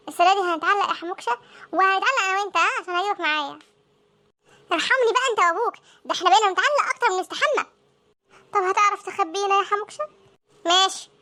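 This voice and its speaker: Panicky teenage students in a comic cartoon, with an Egyptian accent, all voiced by a woman. The voices are extremely high and sharp, in squeaky, sped-up chatter at a breakneck pace. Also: very fast. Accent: Egyptian Arabic. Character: panicky teenage students dreading exam results.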